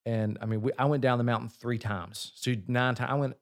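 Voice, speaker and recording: Male singer, mid-pitch, profane, animated storyteller in a relaxed chat. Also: a little fast. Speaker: singer and guest.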